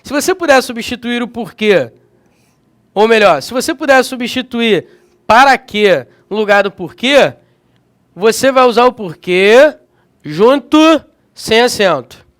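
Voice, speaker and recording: A man leads a grammar lesson for exam prep in a strikingly high voice. His pitch rises and falls all the time as he talks, keeping the delivery energetic. He keeps checking in with his students as he goes. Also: unhurried. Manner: energetic, checks in often with slangy tags. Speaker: grammar teacher.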